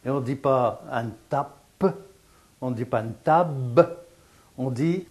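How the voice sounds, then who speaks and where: A man gives a televised dialect lesson at an unhurried, deliberate pace. He explains each word patiently, repeats it, and asks and answers his own questions in a didactic way. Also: medium pitch. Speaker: dialect teacher.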